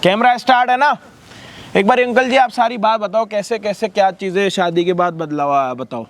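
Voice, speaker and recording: A man's voice: sits high, normal speed, a little hiss or hum. A man hosting a vlog who harshly rebukes a son, swearing freely. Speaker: vlog host confronting a son. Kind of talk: staged confrontation, scolding.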